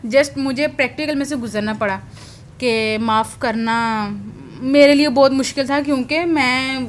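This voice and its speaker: A woman's voice: sits high, slight background noise. A woman sharing a personal testimony about her office work in a prayer session, in a rambling, hesitant way with many restarts.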